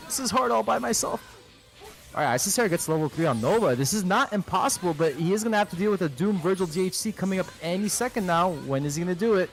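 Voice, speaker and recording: A man's voice: high-pitched, expressive, fast, soft background music. A man in his thirties doing casual, crude, joking commentary on a fighting game tournament stream. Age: 30s. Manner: joking, crude, playful banter.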